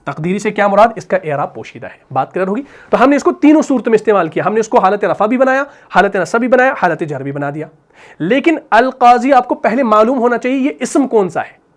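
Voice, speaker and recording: A male teacher explaining Arabic grammar in Urdu with a Pakistani accent. He asks questions and answers them himself, and at times recites Quran verses slowly. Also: sits high, animated. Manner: repeats questions and answers them himself, adds "bhai" and "theek hai na". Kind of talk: explaining grammar while writing on a board.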